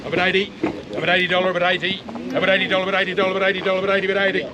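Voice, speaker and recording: A high-voiced male livestock auctioneer from New Zealand chants bids rapidly and repetitively at an outdoor saleyard, coaxing the buyers, yet his delivery is completely flat. Loud crowd and livestock noise fill the recording.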